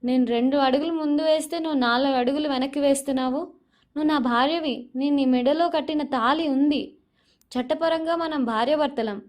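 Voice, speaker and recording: A woman voicing a stubborn young husband from a TV serial, arguing loudly and insistently. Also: high voice, fairly quick, voice pushed up, close to an everyday voice. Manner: loud, pleading, keeps arguing back.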